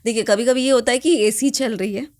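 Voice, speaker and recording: A woman's voice: on the high side, brisk, darkish tone, no room sound, studio quality. A woman guest on a podcast, explaining her point with demonstrations and mixing Hindi and English. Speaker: guest image consultant. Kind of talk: podcast conversation.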